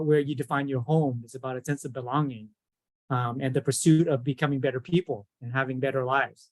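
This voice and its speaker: A man's voice: medium pitch, dry recording. A man on a panel, earnestly reflecting in an unscripted answer.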